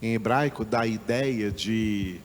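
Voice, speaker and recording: A man with a Brazilian Portuguese accent teaching a Bible lesson, slow and deliberate, repeating words as he explains them. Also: lowish voice, big-room sound.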